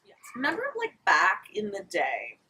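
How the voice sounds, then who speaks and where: Woman, casual comic storyteller, wry and candid, bright edge with some rasp, recorded at a distance. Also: medium pitch, huge pitch swings, normal speed. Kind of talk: casual comedic chat.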